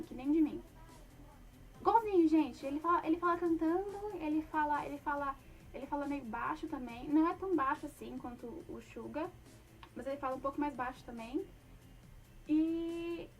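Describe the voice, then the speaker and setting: A young woman talks in a high voice as a fan, gushing and rambling from one point to the next. She fills her talk with many fillers. The mic sits a little away from her. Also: far from the mic. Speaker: fan talking about a band. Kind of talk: casual chat.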